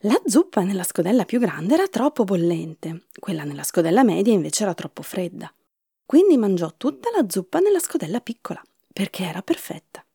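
A woman narrates a children's storybook with a breathy, mellow voice and a lively, swinging melody, sometimes slipping into a whisper. The recording is close and completely dry. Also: mid-range voice, brisk, no echo.

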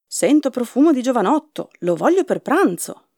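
A woman booming as a hungry roaring giant. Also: big pitch swings, moderate pace, mellow, no echo, studio quality. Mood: greedy roaring. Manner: booming, greedy demands.

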